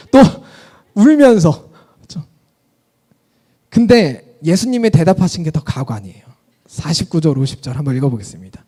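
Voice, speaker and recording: Male pastor, animated sermon with a bouncing delivery, questions the congregation. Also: on the high side, unhurried, pauses often, slightly rough. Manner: lively storytelling, asks the audience questions.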